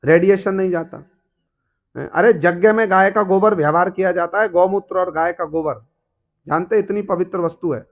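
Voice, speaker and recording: Man, high voice, devotional storytelling sermon, keeps quizzing the listeners. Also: moderate pace. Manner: asks the audience rhetorical questions, acts out characters. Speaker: preacher.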